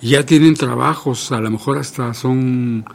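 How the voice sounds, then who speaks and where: A man's voice: mid-range voice, unhurried, gravelly. A man co-hosting a casual radio chat and asking pointed questions.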